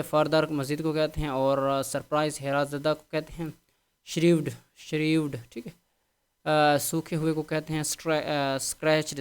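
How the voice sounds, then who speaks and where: A man's voice: a little high, clear, resonant tone. A man teaching English vocabulary, going through a word list patiently and repeating a set phrase after each meaning.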